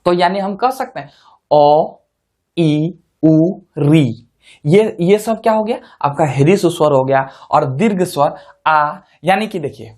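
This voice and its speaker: A man's voice: sits high, expressive, normal speed, darkish tone. A man teaching an online class, repeating points, stretching vowels to demonstrate them and often checking that students follow.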